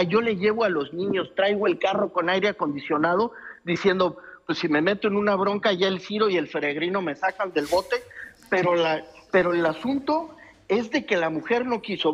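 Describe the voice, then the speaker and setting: A man's voice: high voice, animated, brisk, slightly rough. A middle-aged man reporting by phone from the roadside, telling his story with hesitant restarts. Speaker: field reporter. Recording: muffled phone line.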